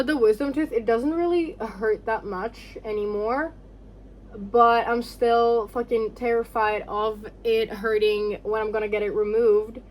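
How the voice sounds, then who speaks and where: Candid young woman with a higher voice. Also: slight background noise, rough recording. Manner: candid, sweary, rambling with frequent "like". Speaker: vlogger. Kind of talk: casual chatty storytime while getting ready.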